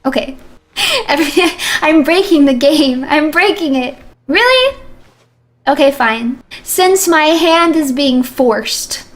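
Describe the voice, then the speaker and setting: Brief: young woman game streamer, high, unhurried voice, teasing and mock-defiant. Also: sing-song. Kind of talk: live game stream commentary.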